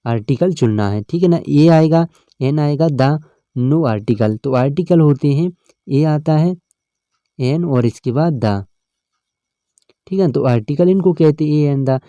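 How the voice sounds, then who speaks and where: A man's voice: a little high, animated, unhurried, mellow, dry recording. A male teacher, explaining an English grammar lesson step by step and often checking in with his students. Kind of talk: exam-prep lesson.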